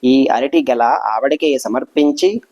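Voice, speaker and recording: A man's voice: mid-range voice, takes it slowly, a little mellow. A man voicing a revered elderly male sage who speaks with kindly authority. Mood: benevolent. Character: revered old male sage, gentle yet commanding.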